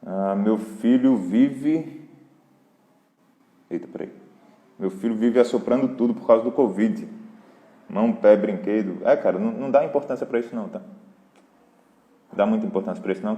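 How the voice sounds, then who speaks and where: A man with a Brazilian accent, hosting a live parenting Q&A in a relaxed, conversational way and talking straight to his viewers. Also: on the low side, fairly quick, pauses often. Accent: Brazilian Portuguese. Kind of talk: casual live Q&A talk. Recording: roomy hall echo.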